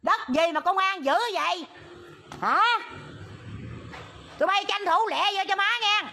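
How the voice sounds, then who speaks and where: A middle-aged woman with a Mekong Delta Southern Vietnamese accent delivers an impassioned, agitated livestream appeal outdoors by a road. Her voice sits very high and sounds sharp and forceful. Faint noise sits behind her on the handheld phone. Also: measured pace, gravelly. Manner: agitated, pleading, repeats "there" to point things out. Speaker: protester livestreaming a land dispute. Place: outdoors by a road near a school.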